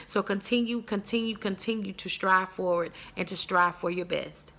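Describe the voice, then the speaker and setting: A woman's voice: mid-range voice, moderate pace, a bit bright. A woman teacher giving an affectionate, encouraging recorded message to graduates.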